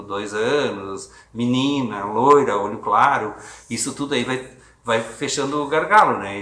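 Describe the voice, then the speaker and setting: An adoptive father tells his story in a documentary interview, hesitating and restarting often. His voice is medium in pitch with a fairly bright tone. It was recorded on a phone in an echoey room.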